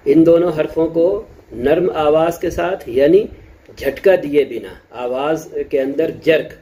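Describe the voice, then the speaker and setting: A man's voice: medium pitch, mellow, rough recording. A man teaching the correct pronunciation of letters in a patient, explanatory lesson, repeating each point in several words and drilling syllables one by one. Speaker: Quran recitation teacher. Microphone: close mic, shows lip shapes to camera.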